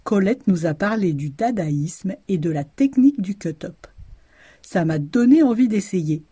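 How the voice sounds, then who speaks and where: Calm woman reading, mellow kinda husky voice, dry mic. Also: lowish voice, no room sound. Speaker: presenter. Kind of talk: scripted narration.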